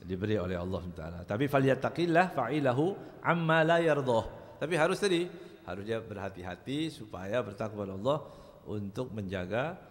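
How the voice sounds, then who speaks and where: A man's voice: lowish voice, fairly quick. Guy teaching a ramadan study class in a mosque, joking around, chanting arabic bits, big reverb. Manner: lively, chatty teaching with jokes and chanted Arabic. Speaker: religious teacher. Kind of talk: Ramadan kitab study lesson.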